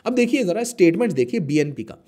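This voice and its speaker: A man giving an animated explainer lecture on current affairs, emphatic and full of rhetorical questions. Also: high-pitched, fast talker. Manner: emphatic, rhetorical questions, mixes English into Hindi.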